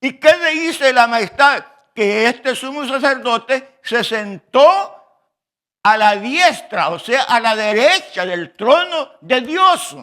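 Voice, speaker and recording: High-voiced, slow-speaking male preacher. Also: animated, sharp tone. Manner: slow, teaching tone, often addressing the congregation as brothers. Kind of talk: sermon.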